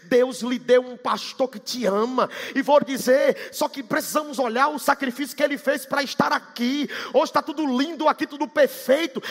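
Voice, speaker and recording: A man from Bahia preaches a sermon with a quick Bahian accent, swinging into sing-song shouts. His voice sits very high, sharp and gravelly. The sound carries a long reverb from a large church hall. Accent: Bahian Portuguese. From Bahia, Brazil.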